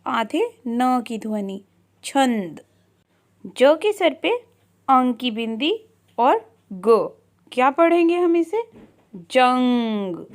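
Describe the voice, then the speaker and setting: Slow, high-voiced woman teaching reading. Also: lively intonation, a little mellow, dry recording, clean studio sound. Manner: slow, deliberate sounding-out of syllables; asks questions and answers them herself. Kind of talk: children's reading lesson.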